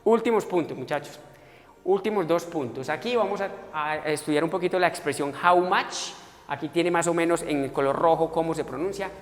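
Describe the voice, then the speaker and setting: A male English teacher walks his students through grammar step by step, addressing them warmly as a group. His voice rings with a long echo in the room, and faint music plays underneath. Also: on the high side, fairly quick. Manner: explains step by step, addressing students as muchachos and voicing their questions. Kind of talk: recorded classroom lesson.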